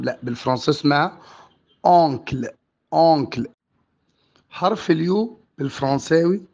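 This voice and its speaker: A man's voice: a little high, vocal fry. A man with an Egyptian Arabic accent explaining French vowel sounds as a teacher, drawing out and repeating each example word. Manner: slow and drawn out on example words, repeating each one. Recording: dull lo-fi recording.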